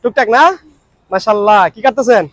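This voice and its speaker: High-voiced guy vlogging outside, noakhali accent, quick and jokey. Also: no echo. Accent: Noakhali Bengali. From Noakhali, Bangladesh. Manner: playful, teasing banter. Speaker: travel vlogger. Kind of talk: casual street vlog chat. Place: outdoors at a street food stall.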